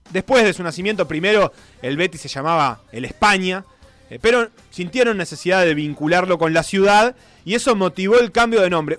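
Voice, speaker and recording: A man telling football history as a casual co-host, reading quotes aloud with flair. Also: high-pitched. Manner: animated, reads quotes aloud with dramatic flair. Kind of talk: casual radio-style storytelling.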